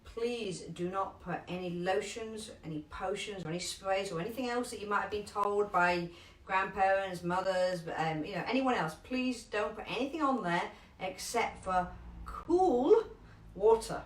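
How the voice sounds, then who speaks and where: A woman with a London accent teaching a live first aid class online, chatty and emphatic, slowing down to repeat key instructions. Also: medium pitch. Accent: London English. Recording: echoey room, distant from mic.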